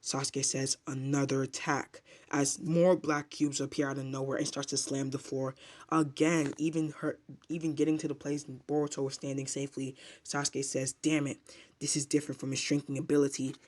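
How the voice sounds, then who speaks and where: A man's voice: mid-range voice, little pitch movement, brisk, a little mellow. A man casually retelling a manga chapter as a reviewer, rambling with filler words and restarts.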